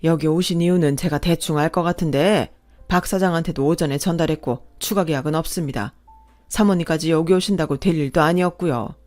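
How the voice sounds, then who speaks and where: A woman's voice: deep voice, a little fast, a little mellow, faint music behind, pitched below the performer's own voice, natural voice. A woman voicing a composed middle-aged male company president who speaks formally and firmly.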